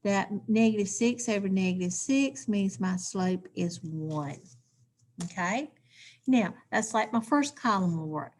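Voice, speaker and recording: A woman's voice: mid-range voice, expressive, measured pace, slight background noise. A woman teacher, walking through math steps aloud in a recorded lesson and checking in with "okay?".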